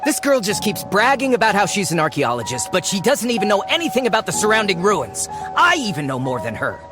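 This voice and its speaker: A boastful, money-hungry treasure hunter from a video game. His delivery is very lively, swinging from scornful bluster to stammered excuses, with faint music underneath. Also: high voice, fairly quick. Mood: scornful, bragging. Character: shifty, greedy, boastful male treasure-hunting fake archaeology researcher.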